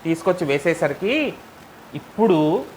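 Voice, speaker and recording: A man teaching a devotional scripture class who asks his listeners one rhetorical question after another and chants verses in a measured cadence. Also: a little high, very animated, a little mellow, a little hiss or hum. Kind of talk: devotional storytelling lesson.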